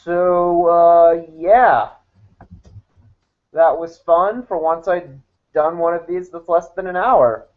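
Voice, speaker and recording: A woman's voice: on the low side, steady tone, takes it slowly. A woman giving casual, blunt commentary as she reacts to a video and cuts in with retorts. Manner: blunt, interrupts the clip with retorts. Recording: tinny phone-like audio.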